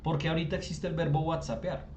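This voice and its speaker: A man's voice: fairly high pitch, little pitch movement, quick pace, a little mellow, slight background noise. A man, teaching an online class and explaining with lots of rhetorical questions. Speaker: English tutor. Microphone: video call.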